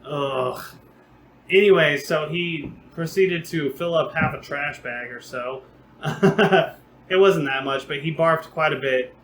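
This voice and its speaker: A man's voice: on the high side, a little slow. Profane young man rambling through a story. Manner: rambling, profane, animated retelling. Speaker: podcast co-host. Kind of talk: casual storytelling. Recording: roomy echo, faint background noise.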